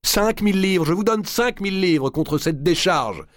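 A man's voice: deep voice, big pitch swings, a little fast, darkish tone, breathy edge, no echo, studio quality, heavily acted. A man voicing a frightened, cornered archbishop who pleads in a raised, strained voice. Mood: desperate. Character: frantic cornered male archbishop.

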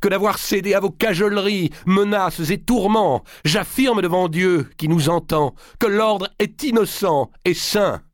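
A man reading aloud voices an aged grand master who defies his judges in a booming, declaiming voice. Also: measured pace, hardly any pauses, no room sound, studio quality. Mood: solemn.

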